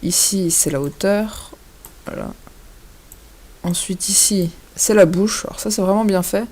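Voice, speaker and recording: A man giving a casual, hesitant software tutorial over a screen recording, filling his pauses with little interjections. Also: sits high. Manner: hesitant, chatty, fills pauses with "hop" and "voilà".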